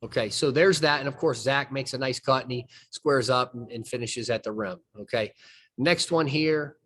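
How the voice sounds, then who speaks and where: A man coaching basketball, talking through game footage in a plain mid-range voice. He explains each play patiently and folksily, often pausing and restarting his sentences. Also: mid-range voice, a bit bright. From southern United States. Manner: folksy, explains plays step by step, trails off and restarts. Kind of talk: film breakdown conversation.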